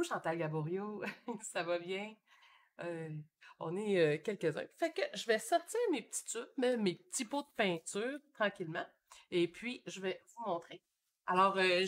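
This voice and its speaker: Relaxed Québécois woman chatting while painting. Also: medium pitch. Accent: Québécois French. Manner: chatty and relaxed, thinking aloud with many fillers. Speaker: painter hosting a live stream. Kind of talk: casual live-stream chat while painting. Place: home studio.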